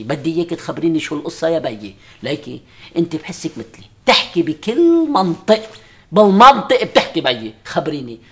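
An actor with a Lebanese accent playing a teasing, exasperated husband and father in a sitcom, mocking one moment and coaxing the next. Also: full character voice. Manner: mocking, wheedling, swings from booming to soft coaxing. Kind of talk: sitcom acting.

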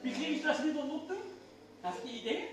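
A man's voice: extremely high pitch, fast, crowd noise. An older man performing as a children's party magician, playfully firing questions and exclamations at the children in show patter. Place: indoors, small restaurant-like room. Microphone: distant phone camera in the audience. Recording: echoey room, far from mic, faint noise.

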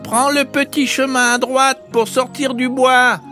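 A man voicing a tiny baby bear in a children's storybook, in a high, squeaky, whiny voice. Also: flat delivery, unhurried, bright, forceful tone, soft background music, heavily acted. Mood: crying out.

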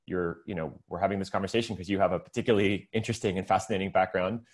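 A man's voice: sits low, fairly even intonation, rapid-fire. A man in his thirties hosting a podcast over a video call, eager and upbeat, with lots of fillers. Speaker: podcast host. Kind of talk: casual video-call interview. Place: room indoors. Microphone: earbud headset mic on video call.

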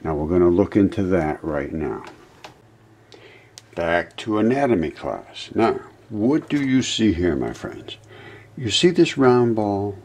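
A man with a very low, gravelly voice talks slowly through an informal video lecture. He rambles and calls his viewers his friends while pointing things out on a screen. His tone is husky. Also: a little mellow. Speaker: channel host presenting his own theory. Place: indoors in front of a monitor.

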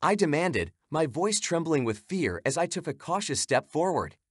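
Man narrating horror with animated delivery. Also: a little high, moderate pace, husky, no room sound, studio quality. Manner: dramatic, suspenseful storytelling. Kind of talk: scripted narration.

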